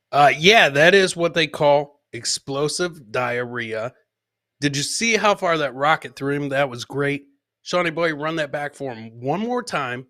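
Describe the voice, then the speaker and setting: At a live comedy show, a male host with a medium-pitched voice jokes crudely and animatedly about video clips, repeating his lines for emphasis.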